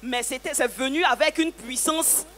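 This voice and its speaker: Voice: high voice, normal speed, a bit bright. A church service leader guiding the testimony, calling out amen and hallelujah in response.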